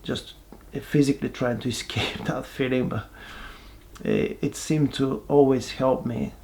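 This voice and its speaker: A man, giving a halting, reflective personal testimony with many pauses and restarts. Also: medium pitch, steady tone, creaky, darkish tone, a little hiss or hum. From Bulgaria. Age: 40s. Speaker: person sharing his life story.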